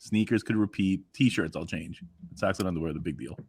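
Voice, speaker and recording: A man's voice: low-pitched, fairly quick, slight background noise. A man co-hosting a casual talk show, joking and laughing often. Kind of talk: casual chat.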